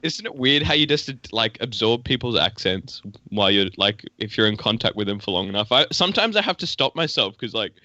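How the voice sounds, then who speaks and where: An Australian man with a bright, forceful voice talks as a guest in a loose interview. He laughs easily and swears casually. The sound is close and dry. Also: lowish voice, expressive, a little fast, few pauses, dry recording, dull audio. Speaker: guest musician.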